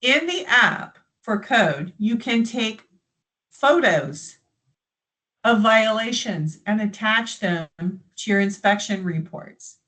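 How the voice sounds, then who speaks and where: Chatty woman leading a software training. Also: medium pitch, animated, slow pace, poor audio. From United States. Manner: friendly, chatty, explanatory. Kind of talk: live software training webinar.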